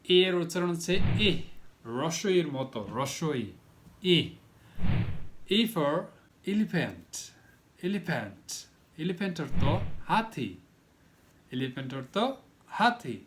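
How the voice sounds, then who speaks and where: A man teaching the English alphabet to children, explaining each letter slowly and repeating words, with a Bangladeshi Bengali accent. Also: fairly high pitch, lively intonation, fairly bright tone. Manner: slow, repetitive, step-by-step explaining.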